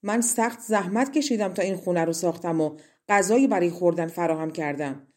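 A woman's voice: fairly low pitch, lightly acted. A woman voicing a greedy, scornful old crone who walks with a cane and mocks as she talks. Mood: grumbling. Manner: mocking, grasping, sharp-tongued.

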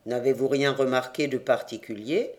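An audiobook reader voicing a solemn village priest who speaks in a low, measured and grave way. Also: a little mellow, natural voice.

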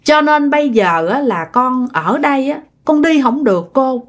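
A woman's voice: sits high, expressive, normal speed, voice pushed up. A woman voicing the grieving ghost of a young woman, pleading and repeating her pain in a plaintive tone. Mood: anguished pleading.

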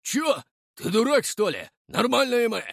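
Bullying thug read by a guy, gruff and suspicious, swings up and down. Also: very high-pitched, sing-song, a little slow, a bit bright, no echo, clean studio sound, pitched above the performer's own voice, exaggerated voice. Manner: growling, bullying. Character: hulking hungover village thug, gruff and suspicious.

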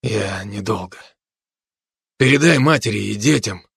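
A man voicing a wounded, exhausted male commando who speaks low and quietly. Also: expressive, moderate pace, slightly rough, dry recording, clean studio sound, exaggerated voice. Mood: weary.

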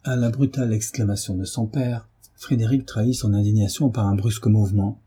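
A man narrating a classic novel as an audiobook, reading in a measured, steady way. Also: fairly low pitch, slightly rough. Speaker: audiobook reader.

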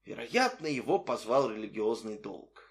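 A man reading a novel aloud in expressive storytelling narration. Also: medium pitch, normal speed, creaky. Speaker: audiobook narrator. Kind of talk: scripted narration.

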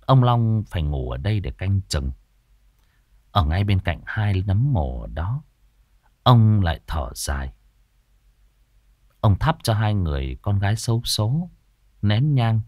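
A man narrating a ghost story in a measured, dramatic storytelling manner. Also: on the low side, big pitch swings, darkish tone, no echo, studio quality.

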